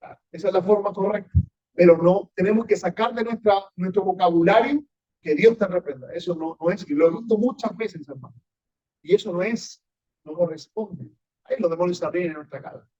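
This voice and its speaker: A high-pitched man, preaching to a congregation with emphatic swings of voice. He keeps checking in with his listeners. The recording is dull and lo-fi, as if taken in a church room. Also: brisk, dark tone. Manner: emphatic, asks the audience often, rising and falling sharply. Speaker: pastor teaching a class. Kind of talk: sermon-style Bible teaching with congregation questions.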